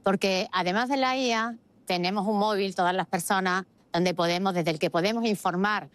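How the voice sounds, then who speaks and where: As host of a political commentary, a woman speaks at a moderate pace and medium pitch, with no echo. She is argumentative and emphatic, posing rhetorical questions and repeating phrases for stress.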